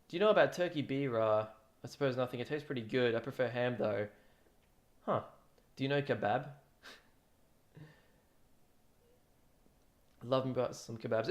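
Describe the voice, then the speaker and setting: A young man chatting casually on a charity livestream, rambling and trailing off, with frequent laughs. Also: medium pitch. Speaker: streamer drumming for charity.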